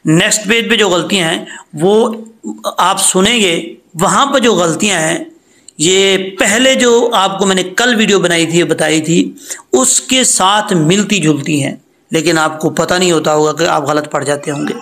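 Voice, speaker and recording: A man teaching recitation rules patiently, step by step, and chanting slow examples. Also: high voice, fairly bright tone. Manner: patient, explains step by step, then chants slowly. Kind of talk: tajweed lesson with recited examples.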